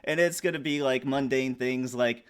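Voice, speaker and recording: A man's voice: mid-range voice, moderate pace, clean tone. A man chatting casually as a guest about his party game, enthusiastic and joking. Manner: enthusiastic, jokey. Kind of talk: casual chat.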